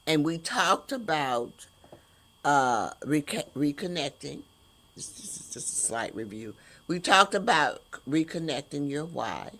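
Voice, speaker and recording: A woman hosting an inspirational podcast, speaking in slow, drawn-out emphatic phrases. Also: deep voice, sing-song, fairly bright tone. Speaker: host.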